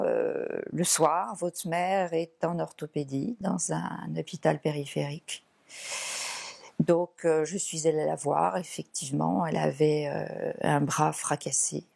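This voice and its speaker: Slow gravelly-voiced woman giving testimony. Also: low voice, mellow. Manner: hesitant, many fillers, grows emphatic. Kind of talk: spoken testimony interview.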